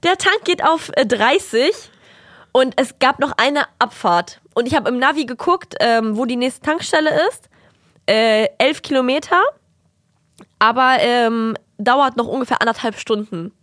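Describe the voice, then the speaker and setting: A woman's voice: on the high side, measured pace, dry recording, studio quality. A young woman co-hosting a podcast, casually telling a long anecdote, acting out family members' lines and mixing in English words. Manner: animated anecdote-telling with quoted voices and English words mixed in. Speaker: podcast co-host. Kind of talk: casual chat, storytelling.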